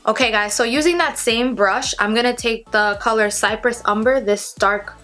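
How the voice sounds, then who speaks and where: A woman's voice: on the high side, normal speed, fairly bright tone. A woman chatting casually to her viewers as she gives a makeup tutorial in the style of a beauty vlogger. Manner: chatty, addresses viewers directly. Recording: music playing behind the voice. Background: background music.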